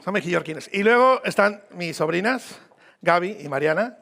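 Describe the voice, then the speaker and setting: A man's voice: sits high, lively intonation, normal speed, creaky, sharp tone. A man from Mexico with a Mexican accent, preaching a sermon as a visiting pastor in a church, informal and joking, repeating phrases for emphasis. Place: church hall.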